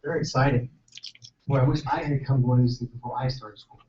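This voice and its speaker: A chiropractor from San Francisco, California, gives a casual, self-deprecating seminar talk, tossing questions to the audience. He talks fast at a medium pitch with fairly even intonation. Recorded in a seminar hall with a distant mic, the sound is echoey and dull, with faint noise.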